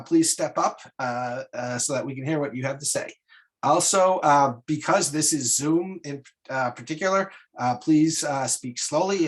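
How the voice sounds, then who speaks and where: A man with a slightly high voice chairs an online meeting. He gives informal, polite instructions, often halting between phrases. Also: low-quality recording. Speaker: meeting moderator.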